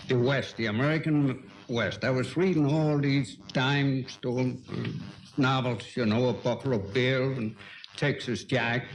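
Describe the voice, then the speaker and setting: An older man from Denmark with a Danish accent, a guest painter telling unhurried, chuckling anecdotes in a casual talk-show chat. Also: medium pitch, a little hiss or hum, rough recording.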